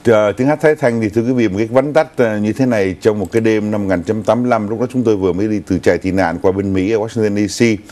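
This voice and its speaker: A man's voice: fairly low pitch, steady tone, racing, hardly any pauses, dark tone. An older man co-hosting a news talk show in a TV studio, recounting stories unhurriedly with some fillers.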